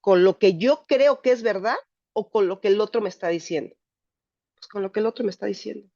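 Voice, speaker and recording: Speaking briskly in a mid-range, dark voice, a woman psychologist shares a personal talk with a support group. She's candid and emphatic, using frank language, and the recording is dry with no echo, dull, and lo-fi.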